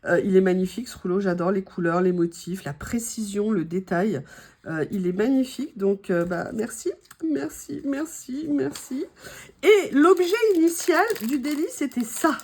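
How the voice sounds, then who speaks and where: A woman with a French accent and a slightly hoarse voice, chatting casually to viewers as she opens her mail, gushing and full of fillers. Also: mid-range voice, lively intonation, normal speed, darkish tone. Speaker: craft vlogger opening mail.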